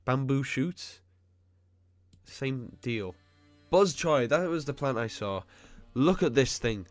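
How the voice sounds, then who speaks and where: Medium-pitched and animated, with soft background music, this gaming host commentates casually on his game. A cold gives him a stuffy nose and a blocked, nasal voice, and he keeps up a chatty, nitpicking stream of quick asides.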